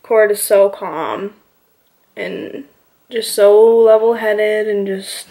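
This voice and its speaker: A woman's voice: mid-range voice, fairly even intonation, slow, mellow. A woman vlogger casually telling a personal story, rambling and filling her talk with "you know" and "like".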